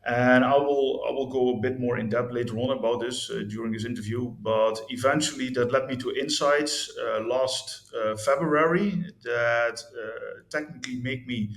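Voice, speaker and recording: A man from the Netherlands, in his fifties, talks candidly about his life as an interview guest, hesitant with lots of fillers and restarts. He has a mid-range voice, fairly even intonation, moderate pace and few pauses, and the room echoes.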